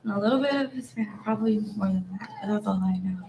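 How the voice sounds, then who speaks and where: Gravelly-voiced young woman on a noisy line. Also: medium pitch, racing. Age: 20s. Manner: casual, frank, trailing off softly. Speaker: panel guest. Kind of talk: casual self-introduction.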